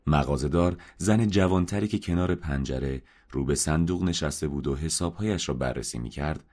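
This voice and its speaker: Very deep-voiced male narrator. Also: a little mellow. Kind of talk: scripted audiobook narration.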